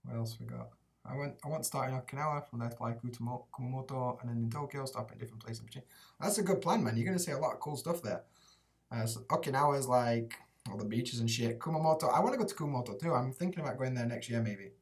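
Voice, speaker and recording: A Rotherham-area YouTuber living in Japan fires off laid-back, sweary banter while reading chat in a live stream Q&A, leaning heavily on "like" and "mate." He is young, speaks with a Yorkshire accent, and talks fast at a medium pitch. The webcam mic sits a bit away from him in a small indoor room, giving a distant sound.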